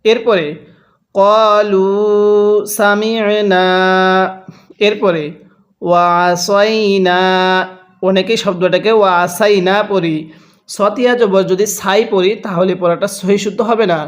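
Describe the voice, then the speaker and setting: A man teaching Quran reading, drawing out each recited word very slowly and then explaining the rules briskly, often asking listeners to repeat after him. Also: high-pitched. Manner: repeatedly asks listeners to read along with him. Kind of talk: slow recitation drill with quick spoken explanations.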